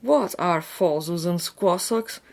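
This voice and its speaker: A stubborn, earnest storybook girl acted by a woman, speaking slowly and with theatrical emphasis. She sounds like a child standing her ground. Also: lowish voice. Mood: dismissive.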